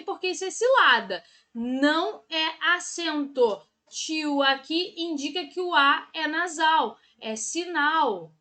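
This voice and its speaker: High bright-voiced Brazilian woman teaching. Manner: upbeat, chatty, drawn-out teaching emphasis. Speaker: Portuguese teacher. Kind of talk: exam-prep video lesson.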